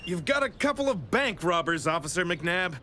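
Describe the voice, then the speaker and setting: A man playing a humbled but friendly police detective in an animated cartoon. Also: high voice, normal speed, a little hiss or hum, full character voice. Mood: explaining. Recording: music behind the voice.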